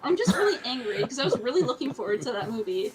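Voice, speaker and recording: High-voiced woman ranting with laughter. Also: quick pace, a loud crowd, low-quality recording. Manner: animated profane ranting, frequent laughter. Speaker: live stream co-host. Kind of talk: casual chat.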